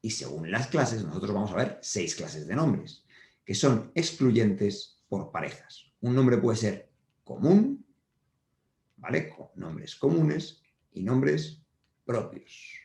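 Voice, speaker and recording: A male teacher explains grammar at a whiteboard, patient and repetitive, checking that the class follows. His voice sits fairly low. The sound carries a roomy echo. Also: very animated, slow, gravelly, a little mellow. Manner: patient, repeats points with frequent check-ins. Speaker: primary school teacher. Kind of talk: whiteboard grammar lesson for children.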